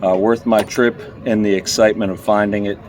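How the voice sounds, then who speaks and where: A man, vlogging casually as he metal detects in a public park, excitable and chatty as he calls out his finds. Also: lowish voice, brisk, noisy background. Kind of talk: casual vlog narration while detecting.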